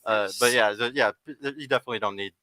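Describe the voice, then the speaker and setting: Fast-talking bright-voiced male host. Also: mid-range voice, no room sound. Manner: stammering, repeats questions. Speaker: dating show host. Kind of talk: casual podcast chat.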